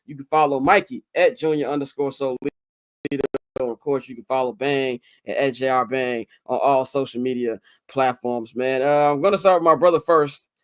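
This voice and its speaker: A man's voice: mid-range voice, fairly even intonation, moderate pace. A hungover man hosting a casual sports talk show in a slangy, conversational way.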